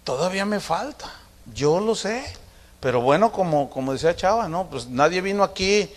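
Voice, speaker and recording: A man's voice: sits high, animated, normal speed, long reverb tail. A middle-aged man preaching a sermon in a conversational, confiding, humorous way. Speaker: pastor.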